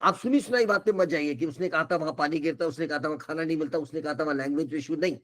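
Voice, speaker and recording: A man's voice: fairly high pitch, fast talker, a bit bright. An older man, an education counsellor giving an earnest, reassuring webinar talk that keeps switching between Hindi and English.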